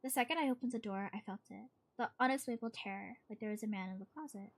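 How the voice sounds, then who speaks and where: Higher-voiced woman telling spooky horror stories. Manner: suspenseful, acted-out reading with pauses and stumbles. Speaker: streamer reading horror stories to a live chat. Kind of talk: dramatic spooky storytelling, horror-host narration.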